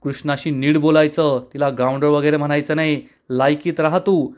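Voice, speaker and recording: A man reading the lines of a sharp-tempered young husband, curt and angry. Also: a little high, fairly even intonation, moderate pace, natural voice.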